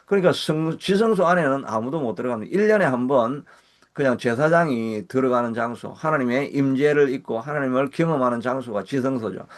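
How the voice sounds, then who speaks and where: A man pastor with a Gyeongsang Korean accent preaching a sermon, earnest, slowing and rising in pitch when he voices prayers. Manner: earnest, slows and rises when voicing prayers. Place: church service.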